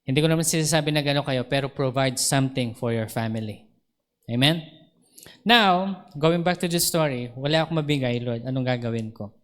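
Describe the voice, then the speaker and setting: At a church service, a male pastor from the Philippines with a Filipino accent preaches a storytelling sermon. His voice is medium-pitched and fairly quick, and he laughs often while acting out dialogue.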